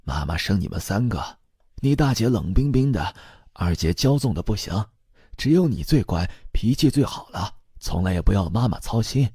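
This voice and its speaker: A man's voice: on the low side, sing-song, moderate pace, dark tone, slightly rough, no room sound, studio quality, exaggerated voice. A man voicing a nagging, dismissive mother who coaxes and lectures her daughter. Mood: coaxing.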